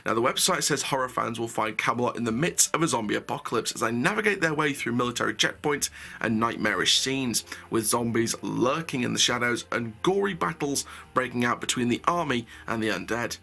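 A man's voice: mid-range voice, animated, a little fast, gravelly, pushed and bright. A young man hosting a theme park channel, reading a news update and then giving his opinions in a chatty way, with many ums and restarts. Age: young adult.

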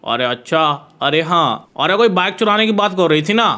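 A man's voice: sits high, lively intonation, normal speed, sharp tone. A man voicing a lazy, boozy, nosy man who teases and pries in a game video.

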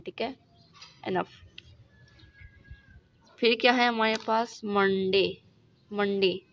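A woman with a Pakistani Urdu accent teaching shorthand in a recorded lesson, going slowly step by step and checking in with the class after each point. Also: medium pitch, vocal fry. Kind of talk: recorded lesson explaining examples. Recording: dull lo-fi recording with faint noise.

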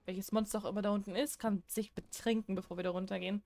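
Young woman gamer, casual jokey commentary, answers the game out loud. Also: mid-range voice, steady tone, fast talker, over loud music. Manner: chatty, jokey, talks back to the game. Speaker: let's play gamer.

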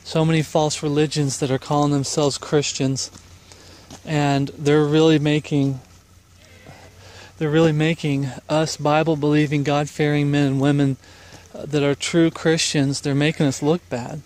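Walking a foggy wooded trail, a middle-aged man preaches an informal, rambling sermon into a phone held at arm's length. He speaks a little slowly in a somewhat high, slightly mellow voice with a flat delivery, earnest and exhorting, peppered with fillers.

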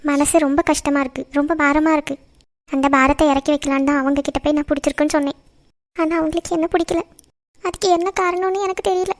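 A woman's voice: high-pitched, close to an everyday voice. Woman voicing a fiery young cartoon girl. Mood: sorrowful. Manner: quick, sharp delivery that turns tearful and defiant. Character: young woman Janani, heartbroken and proud. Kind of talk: cartoon voice acting.

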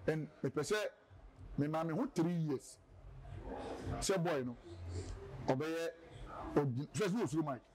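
A man's voice: fairly high pitch, a little slow, pauses often, darkish tone, low-quality recording. A man with a Ghanaian accent, a radio presenter, telling his story in a casual interview and rambling between a local language and English.

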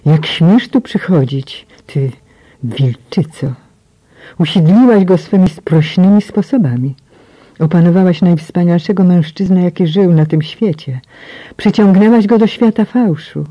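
Woman reading an imperious old queen, cold and scornful, breathy tone, slightly muffled dry recording. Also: on the low side, lively intonation, unhurried, no echo. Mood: furious. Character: proud aging queen, imperious, bitter.

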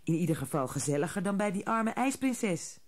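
A woman's voice: on the low side, lively intonation, a little fast, pitched above the performer's own voice. A woman voicing a curious little girl rabbit in a children's storybook. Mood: cozy.

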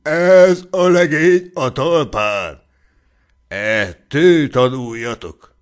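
A man voicing a pompous, excitable old country squire who declaims his speeches. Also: mid-range voice, natural voice. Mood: rousing. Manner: declaiming, exclamatory.

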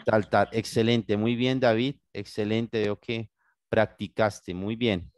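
A man's voice: on the low side, fairly even intonation, slow, a little hiss or hum. A Colombian man teaching an English class over a video call in Spanish, patient and guiding, often checking in with his students. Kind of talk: online class, bilingual instruction. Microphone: computer mic on video call.

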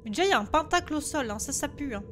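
A woman's voice: high-pitched, animated, rapid-fire, fairly bright tone, slight background noise. A young woman streaming a horror game on a headset mic, jumpy and exclamatory, talking to herself as she plays. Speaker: gaming streamer. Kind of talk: casual live gameplay commentary.

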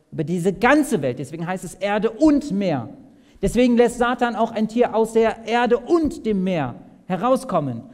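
A man preaches a sermon in a slightly high voice, putting questions straight to his listeners. He moves between raised, urgent passages and quiet ones. His voice rings with the long reverb of a large hall. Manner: asks the audience direct questions, swings between loud and soft. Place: large hall at a camp meeting.

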